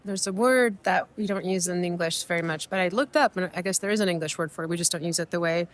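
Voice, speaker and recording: A young Mexican woman, a native Spanish speaker, co-hosts a podcast from an airport waiting area. Her voice sits fairly low and she talks quickly. The casual chat meanders and turns reflective, packed with fillers and restarts.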